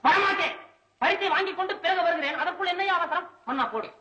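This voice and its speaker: A man's voice: very high voice, lively intonation, fairly quick, highs cut off, very noisy. A man doing a whining, panicky poor poet. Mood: cheeky. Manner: whiny, comic wailing. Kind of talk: comic film-scene reenactment.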